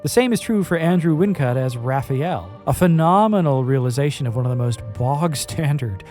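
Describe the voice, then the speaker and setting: A man's voice: on the high side, animated, moderate pace, a little mellow, faint music behind. A man narrating a scripted video essay in a wry, analytical tone.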